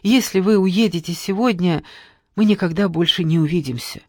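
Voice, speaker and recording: A woman's voice: fairly low pitch, normal speed, a little mellow, no room sound, clean studio sound, lightly acted. Woman voicing a desperate pleading girl. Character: anguished young girl pleading with her father.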